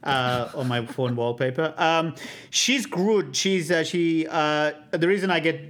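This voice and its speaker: Guest, man in his thirties, animated raconteur with a slightly high voice who swears a lot. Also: measured pace. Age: 30s. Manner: animated storyteller, swears freely, acts out both sides of calls. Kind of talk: casual chat.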